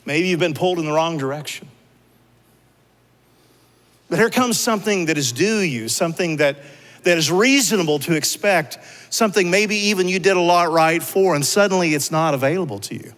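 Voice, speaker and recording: Speaking at a normal speed in a slightly high, somewhat bright voice, a male preacher addresses his church with conversational rhetorical questions. Long reverb from the sanctuary hall hangs on his words.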